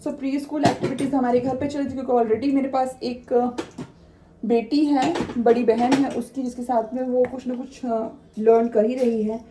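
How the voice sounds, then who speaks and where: Chatty Indian mom vlogging at home. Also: female voice, on the high side, little pitch movement, normal speed, noisy background. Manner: chatty, mixes English words into Hindi, many fillers. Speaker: mother vlogger. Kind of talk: casual home vlog chat. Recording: echoey room, mic somewhat far.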